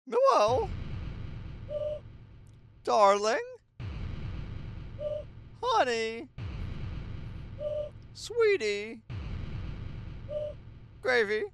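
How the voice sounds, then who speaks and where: A man's voice: very high voice, sing-song, drawn-out words, pauses often, a little hiss or hum, pitched above the performer's own voice, heavily acted. A man voicing a grandiose, smothering female robot queen with an exaggerated, sing-song doting delivery, over game music. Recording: loud game music behind.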